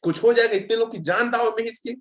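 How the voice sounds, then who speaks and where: A man's voice: very high voice, quick pace. A man giving a casual online session on road safety, telling stories and reading out viewer comments. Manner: chatty storyteller, reads out viewer comments.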